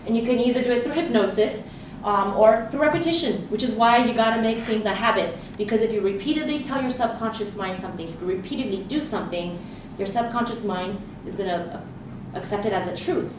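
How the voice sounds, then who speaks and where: A woman on the high side, talking fairly quickly, gives a lively live conference talk as a leadership coach to an audience in an event room, telling stories and acting out her inner thoughts. Romanian was her first language, and she grew up in Southern California. The recording is very echoey, with her voice far from the mic and background noise.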